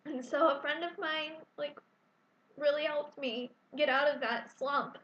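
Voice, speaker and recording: A woman's voice: high voice, steady tone, a little slow. A woman in her twenties telling a personal story in a candid, emotional way, with many fillers and restarts. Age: 20s. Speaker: vlogger. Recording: echoey room, dull lo-fi sound.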